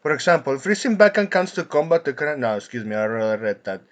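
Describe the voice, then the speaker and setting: A man hosting an angry commentary rant, indignant and swearing, with frequent halting restarts. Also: medium pitch, sing-song. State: coughing from anger at times. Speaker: commentary channel host.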